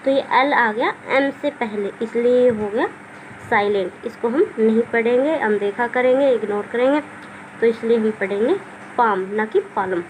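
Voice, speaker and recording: A woman's voice: a little high, normal speed, a little hiss or hum, rough recording. A woman explaining English spelling rules in a patient, repetitive teaching manner, asking questions and answering them herself. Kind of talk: classroom-style explanation.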